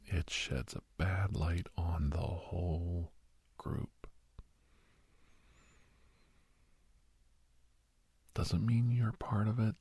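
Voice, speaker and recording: In a heavily acted ASMR role-play, a deep-voiced man voices a calm, earnest doctor counseling a young werewolf, with a sober, warning mood. His speech is hushed, breathy and often whispered, slow and reassuring, and the recording carries no room sound.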